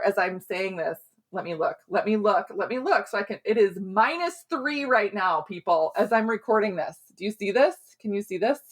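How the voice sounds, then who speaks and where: A middle-aged woman from Minnesota giving casual health advice, chatty and quick with asides, often tagging on "right?". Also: medium pitch. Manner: chatty, keeps asking "right?". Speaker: health and hormone coach. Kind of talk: casual advice talk to camera.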